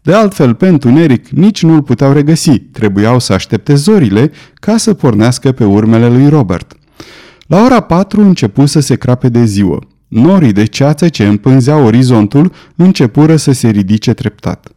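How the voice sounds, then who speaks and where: A man narrating an adventure audiobook in a steady, measured reading. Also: mid-range voice. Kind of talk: scripted narration.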